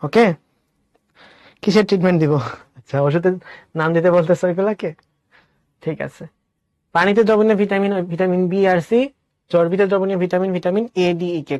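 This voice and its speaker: A man's voice: high-pitched, darkish tone, dry recording, studio quality. A male teacher giving an online class, explaining step by step, asking questions and answering them himself, with English words mixed into his speech. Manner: mixes English words into Bangla.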